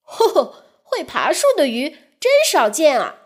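A woman voicing a proud, boastful flying fish leader in a children's story, speaking loudly and quickly. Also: sits high, big pitch swings.

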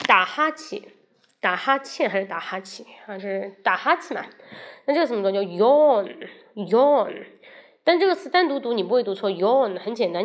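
A woman from China hosts a casual English lesson on a livestream, chatting with viewers and switching between Chinese and English. She slowly repeats words to show their sound, speaks directly to her audience, and invites questions, her voice on the high side and a bit bright.

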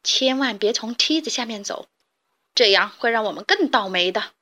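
A woman voicing a grumpy, chubby boy chick in a storybook, yelling crossly. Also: a little high, animated, moderate pace. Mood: angry.

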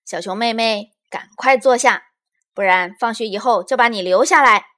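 A woman's voice: a little high, moderate pace, fairly bright tone, lightly acted. A woman doing a bossy little girl playmate. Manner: bossy, commanding. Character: bossy young girl playmate who loves bragging.

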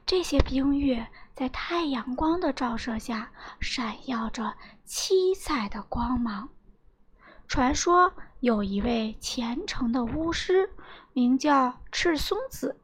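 A woman who teaches Chinese at a primary school, gently reading a folk tale aloud to her pupils. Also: sits high, animated, takes it slowly, slightly rough. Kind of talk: storytelling for children.

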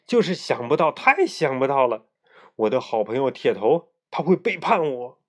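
A man reading a children's story aloud to a child at bedtime, in a lively, expressive way. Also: medium pitch, moderate pace.

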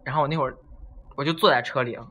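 A man casually telling a story on a podcast, animated and acting out the people in it. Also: mid-range voice, racing, a little hiss or hum. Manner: animated, acts out voices while telling a story.

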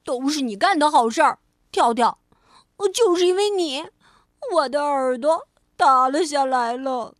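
A woman voicing an excitable, prank-loving little rabbit in a children's story, with dramatic wails and loud teasing. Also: high voice, normal speed, dry recording, studio quality. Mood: accusing.

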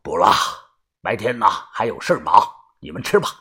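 A man voicing a stern grandfather in his seventies, gruff and scolding in an audiobook story. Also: on the low side, very animated, normal speed, pushed and bright, pitched below the performer's own voice, exaggerated voice. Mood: grave.

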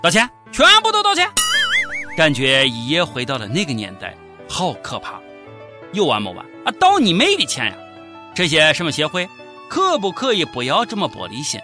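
A man's voice: a little high, wildly swooping pitch, normal speed, over music. A man with a Shaanxi accent hosting a satirical comedy news show, narrating in a theatrical, exclamatory way. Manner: theatrical mock outrage, exclamatory.

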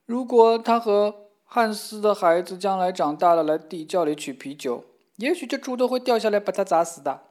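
A woman's voice: fairly low pitch, lively intonation, moderate pace, darkish tone. A woman voicing a fretful, tearful young woman in a storybook tale, speaking in an anxious, wailing way. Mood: tearful worry.

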